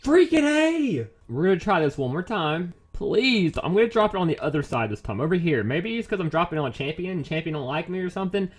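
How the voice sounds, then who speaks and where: A man commentating his own game play as a YouTuber, excitable, pleading and quickly exasperated over his luck. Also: fairly high pitch. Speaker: gaming YouTuber.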